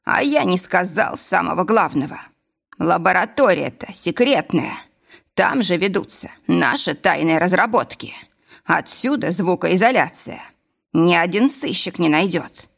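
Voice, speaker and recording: A frail, breathless old man speaks at a dragging pace, sighing through every phrase, as a woman reading the story puts him on. Her voice stays low for a woman and plainly acted as she reads the audiobook. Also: expressive, creaky, fairly bright tone, heavily acted. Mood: pleading. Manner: slow, sighing, breathless delivery. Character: weak old man in intensive care, gasping, sly.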